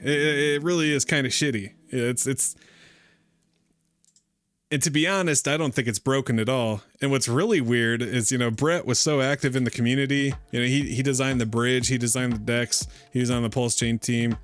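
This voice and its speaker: A man hosts a casual livestream, talking in a rambling, fired-up way and often restarting his sentences. His voice sits at a middle pitch. Faint music plays underneath. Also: fairly even intonation, normal speed. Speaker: livestream host. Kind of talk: casual crypto livestream talk.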